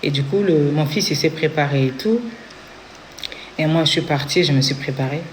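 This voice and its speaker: A woman's voice: sits low, normal speed, a little hiss or hum. A woman from Congo with a Congolese French accent, telling her own story in an earnest testimony and acting out what others said. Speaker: interviewee giving a testimony. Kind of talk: personal testimony.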